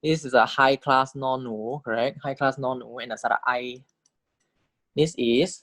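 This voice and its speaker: Man, language teacher, very slow, patient, repeats words, dry close sound. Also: mid-range voice, a bit bright, no room sound. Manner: slow, patient, repeats each word several times with checking "okay?". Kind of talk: recorded language lecture.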